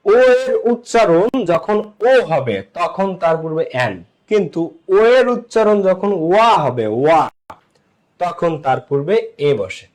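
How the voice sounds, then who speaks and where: Guy teaching english online, fairly high voice, bounces up and down a lot, repeats every sound again and again. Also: very animated, measured pace, a little mellow. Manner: explains patiently, repeats sounds over and over, checks "okay?". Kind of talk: online grammar lesson.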